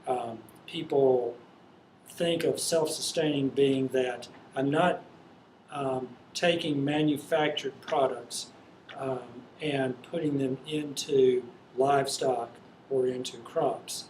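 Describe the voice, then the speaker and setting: Halting male farmer in an echoey room. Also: medium pitch, steady tone, darkish tone. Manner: halting, hesitant delivery. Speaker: farmer being interviewed. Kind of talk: unscripted explanatory interview talk. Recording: echoey room with faint noise.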